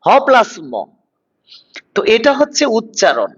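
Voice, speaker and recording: A man's voice: very high voice, wildly swooping pitch, measured pace, fairly bright tone, husky. A man in his thirties teaching an online class, repeating words and coaxing his students along. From Bangladesh. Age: 30s. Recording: dull lo-fi online class audio.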